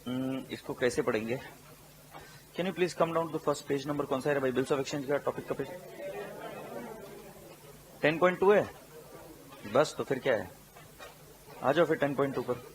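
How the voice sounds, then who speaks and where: A man with an Indian English accent teaching accountancy, mixing Hindi and English, repeating key terms slowly for dictation and asking his students questions. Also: medium pitch, a little hiss or hum. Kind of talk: classroom lecture.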